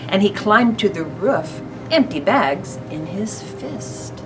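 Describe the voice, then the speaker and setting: A woman's voice: medium pitch, lively intonation, takes it slowly. A middle-aged woman reading a children's storybook aloud from a little distance. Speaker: storybook reader. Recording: distant mic with music behind.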